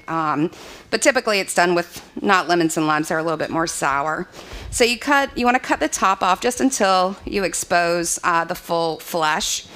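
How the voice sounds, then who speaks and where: A woman's voice: medium pitch, a bit bright. A young adult woman chef, giving a live cooking demonstration in a chatty way with many fillers. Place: open screened dining hall.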